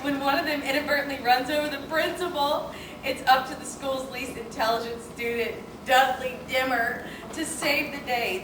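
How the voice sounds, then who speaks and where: A gushing teen girl movie critic, played by a woman rattles off slangy reviews. Her voice is high. It echoes from a distant mic over clear room noise. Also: lightly acted.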